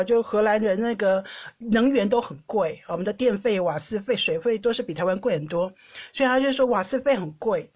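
Taiwanese lady chatting on her podcast, husky voice, mid pitch, lively storytelling w lots of little "ha"s. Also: dull audio. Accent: Taiwanese Mandarin. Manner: animated, laughs often, soft "ha" tags at phrase ends. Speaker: podcast host. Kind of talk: casual storytelling monologue.

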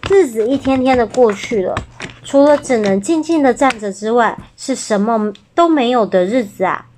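Taiwanese-accented mom, storybook read-aloud, gentle, chatty, higher voice. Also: female voice, normal speed, slight background noise. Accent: Taiwanese Mandarin. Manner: gentle, chatty, asks the child questions. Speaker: mother reading to her child.

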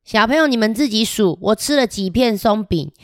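A storybook reader with a fairly high, natural and animated voice plays a chatty little boy about to head to kindergarten in a children's read-aloud. She talks straight to the kids at a normal pace, giggly, playful, cheerful and boastful. The recording is studio quality with no room sound.

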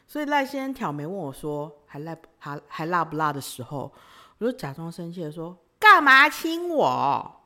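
A young woman hosts a podcast. She tells a personal story in a casual, teasing way and often breaks into giggles. Her voice sits a little low but swings through a very wide range. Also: lively intonation, fairly quick, a bit bright. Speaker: podcast host.

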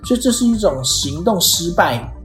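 A podcast host talks through an idea like a relaxed lesson, pausing on "哦" and slipping into short acted examples. The voice sits at a middling pitch. It is heard in a roomy, echoing space with faint music underneath. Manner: explains step by step, frequent "哦" fillers, acts out quoted lines. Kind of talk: explanatory podcast lecture.

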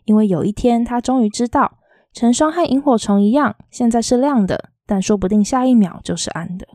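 A woman reading a novel aloud in a soft, quietly lilting storytelling voice. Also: a little high, brisk, no echo, studio quality. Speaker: audiobook reader.

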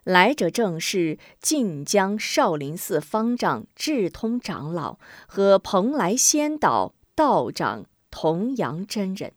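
Slow, expressive woman storyteller. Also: medium pitch, dry recording, studio quality. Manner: expressive, acts out characters. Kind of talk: scripted narration of a martial-arts tale.

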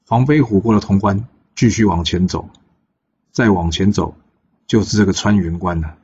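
A man telling a classic tale in a casual, chatty way, with frequent filler pauses, on a dull lo-fi recording. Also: sits low, mellow, husky. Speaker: storyteller. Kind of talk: casual oral storytelling.

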